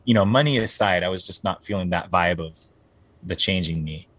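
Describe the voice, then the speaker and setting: A man in his forties who sings in a band chats casually as a guest musician in an interview, his voice low, a little fast and a bit bright on a dry recording. He rambles, restarts sentences often and fills the gaps with plenty of fillers.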